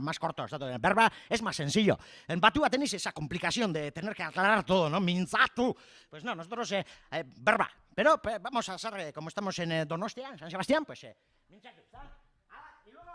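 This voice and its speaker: A man doing a cheeky rustic Basque villager with a Basque accent, rambling on and tagging nearly every phrase with a questioning "eh?". The voice sits high and sounds bright and sharp, with a dry, close sound and no room around it. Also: no room sound, exaggerated voice. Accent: Basque Spanish. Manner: rambling, full of "eh?" tags, mixing Basque words. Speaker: comedian. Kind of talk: comic character monologue.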